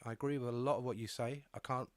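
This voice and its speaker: A man's voice: medium pitch, fairly even intonation, fast talker, no room sound. A man hosting a live chat show, friendly and matey, with lots of agreeing murmurs. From England. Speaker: host.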